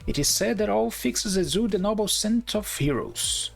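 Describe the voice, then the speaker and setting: A man's voice: high-pitched, lively intonation, moderate pace, gravelly, faint music behind, voice pushed up. A man voicing an eager, archaic-speaking female knight-errant with old-fashioned formal phrasing. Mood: earnest.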